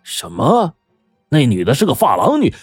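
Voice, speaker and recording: A man voicing a furious, greedy middle-aged uncle who shouts threats in a husky voice. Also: mid-range voice, wildly swooping pitch, no room sound, clean studio sound, faint music behind, pitched above the performer's own voice. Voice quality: shouting, threatening, fast-tempered.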